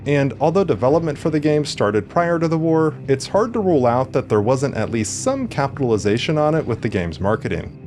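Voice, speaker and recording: A man's voice: medium pitch, darkish tone. A man giving a wry, conversational scripted narration as a video game reviewer. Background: background music.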